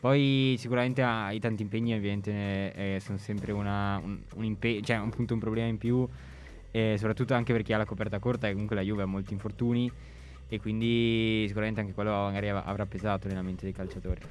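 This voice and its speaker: Lowish-voiced man giving hesitant football analysis. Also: steady tone, fairly quick, faint music behind. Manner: hesitant, often repeating words. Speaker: football talk panelist.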